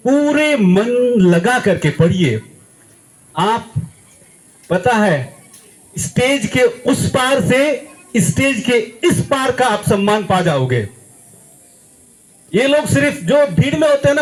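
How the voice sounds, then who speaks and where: A man's voice: extremely high pitch, low-quality recording. A young man giving a motivational address to schoolchildren, emphatic and quizzing the audience, acting out examples as he goes. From India. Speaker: guest speaker at a school.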